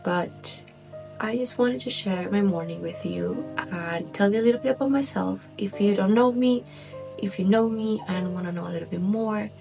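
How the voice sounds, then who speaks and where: A woman in her twenties from Buenos Aires, Argentina, chats casually in a personal vlog, speaking Spanish natively with an Argentine accent. Her mid-range voice moves at a normal speed, mellow with some vocal fry. Soft music plays in the background, and the recording quality is low.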